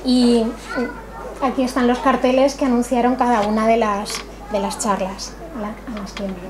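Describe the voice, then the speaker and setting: The owner of a small cultural café, hosting a literary event, gives a warm welcome speech and thanks her audience in a grateful, conversational and slightly nervous way. Her voice is a little high and level, at normal speed. Noisy room ambience surrounds her.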